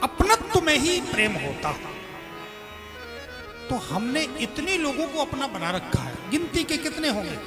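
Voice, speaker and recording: A man, acting out his characters' cries and quarrels. His voice rings with a long reverb in a large hall, and music plays clearly behind him. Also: sits high. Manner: animated, acts out characters' cries and voices in stories. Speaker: preacher. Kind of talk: devotional sermon with storytelling.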